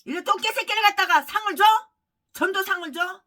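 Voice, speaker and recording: Angry lady preacher ranting, high bright voice, yells then mutters. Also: brisk, distant mic. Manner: furious, abusive, swings from shouting to low muttering. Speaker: pastor. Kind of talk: ranting sermon.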